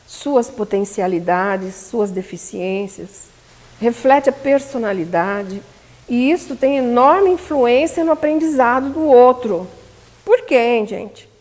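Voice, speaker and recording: A woman's voice: on the high side, animated, slow pace, darkish tone. A Brazilian woman teaching public speaking at a seminar, talking emphatically and asking the audience questions. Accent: Brazilian Portuguese. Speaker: lecturer at a spiritist center seminar. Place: community hall. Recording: long hall reverb.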